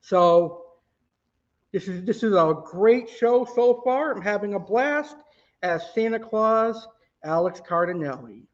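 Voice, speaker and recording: A man's voice: high voice, animated, slow. A man hosting a livestream in an upbeat, gushing, enthusiastic way. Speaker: live show host. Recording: slightly dull, lo-fi livestream audio.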